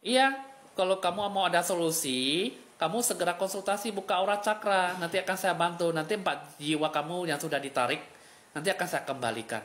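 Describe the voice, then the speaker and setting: A man's voice: high-pitched, fairly quick, fairly bright tone. Dramatic, pitying fortune-teller man. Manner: dramatic, pitying, emotional delivery. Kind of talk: live fortune reading.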